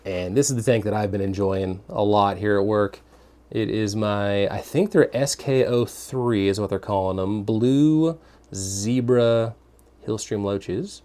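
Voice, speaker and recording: A tour guide with a lowish, mellow voice moves at a measured pace through workplace rooms indoors. His casual vlog-style tour rambles as he thinks aloud for the viewer. Faint room and air-conditioning hum can be heard.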